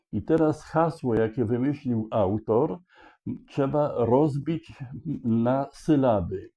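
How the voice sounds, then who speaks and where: Male puzzle explainer, unhurried and halting, restarts mid-phrase; dull lo-fi recording. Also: mid-range voice. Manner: thinks aloud with many hesitations and restarts. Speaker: puzzle solver explaining a charade. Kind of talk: slow explanatory walkthrough. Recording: dull lo-fi sound.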